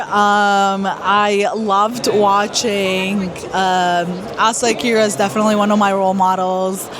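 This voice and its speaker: A young woman from Iraq answers interview questions in an easy, candid way, often pausing on fillers. Her voice sits at a middle pitch. A busy trade fair crowd murmurs clearly around her. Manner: candid, with many halting fillers. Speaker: guest performer. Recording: loud crowd chatter behind.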